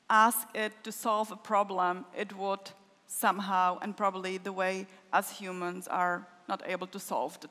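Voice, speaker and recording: In an echoey large wooden concert hall with an audience, a keynote speaker answers questions from the crowd in a loose, joking manner. Her voice sits at medium pitch with a slightly bright quality, captured through a stage microphone.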